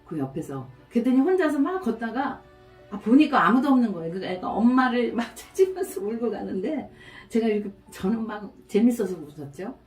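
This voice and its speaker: A middle-aged woman pastor delivering a sermon, telling stories with animated, acted-out quotes. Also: fairly high pitch, fairly quick. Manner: storytelling, animated, acts out quotes. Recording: roomy, from a distance, faint music.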